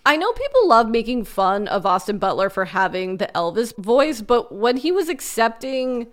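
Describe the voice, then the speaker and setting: A woman's voice: a little high, sing-song, moderate pace. A woman co-hosting a casual pop culture podcast, chatty and joking, laughing often. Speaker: podcast co-host. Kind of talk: casual chat.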